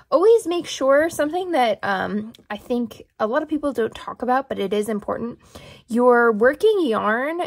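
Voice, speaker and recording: Young woman, casual crochet tutor, slightly high with vocal fry, chatty and full of fillers. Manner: chatty, many ums and self-corrections. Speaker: crochet teacher.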